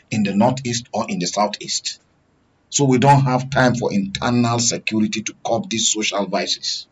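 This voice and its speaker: On a dull, lo-fi radio and TV broadcast, a studio guest with a Nigerian accent and a lowish, husky voice discusses current affairs. He explains by asking questions and answering them.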